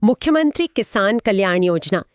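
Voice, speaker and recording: A woman's voice: medium pitch, lively intonation, moderate pace, dry recording, clean studio sound. A woman co-hosting a scripted explainer chat, asking curious, prompting questions. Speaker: co-host.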